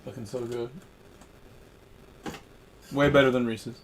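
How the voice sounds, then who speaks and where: Relaxed rambling man streamer. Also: medium pitch, slow pace, slight background noise, low-quality recording. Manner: rambling, relaxed, chatting while snacking. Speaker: sim racing streamer. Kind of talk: casual live-stream chat. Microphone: headset.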